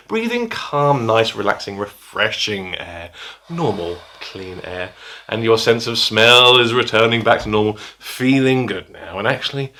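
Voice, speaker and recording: A man's voice: lowish voice, bright, forceful tone, slight background noise. A man leading a hypnosis demonstration, guiding breathing and playful smell suggestions with laughing asides. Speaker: hypnotist instructor.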